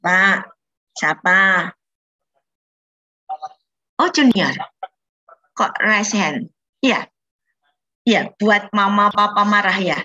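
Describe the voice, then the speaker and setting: A woman's voice: medium pitch, very slow, pauses often, sharp tone, lo-fi sound. A woman leading a children's Bible lesson over a video call, patiently coaxing the kids with questions. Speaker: children's Sunday school teacher.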